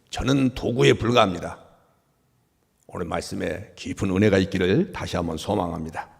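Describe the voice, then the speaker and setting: A man preaching a sermon as pastor, swinging from soft murmurs to loud exclamations and acting out quoted speech. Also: low voice, gravelly, husky. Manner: acts out quoted speech of God and the people. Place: church sanctuary. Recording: long hall reverb.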